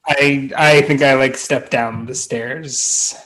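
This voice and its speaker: A man's voice: medium pitch, steady tone, takes it slowly, fairly bright tone, rough recording. A man chatting casually as a player in a tabletop role-playing game, thinking aloud in a wry way.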